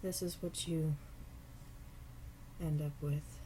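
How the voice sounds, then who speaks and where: A woman with a cold and a low pitch gives a laid-back, step-by-step earring-making tutorial from her home craft table, her voice clearly stuffy. She moves slowly and calmly, apologizing now and then. The audio is poor, with a faint background hiss.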